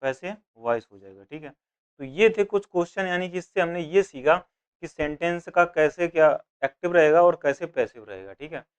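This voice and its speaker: Male exam tutor, smooth resonant voice, slightly high, question-and-answer teaching style. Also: lively intonation, normal speed. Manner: asks and answers his own questions, voicing students. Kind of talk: grammar lesson for exam prep.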